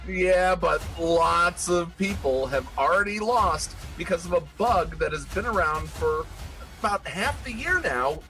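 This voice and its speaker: A male podcast co-host chats casually in a forceful, bright voice. His pitch sits a little high, and there is faint music around his talk. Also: animated, a little slow. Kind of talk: casual gaming podcast chat.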